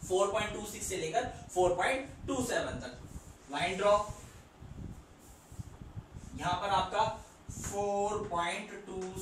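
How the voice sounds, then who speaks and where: A man's voice: high voice, fairly bright tone, slight background noise. A male maths teacher, explaining a problem step by step and counting aloud as he draws on the board. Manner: explains step by step, counts along while drawing, asks rhetorical questions. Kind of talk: whiteboard math lesson. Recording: echoey room from far off.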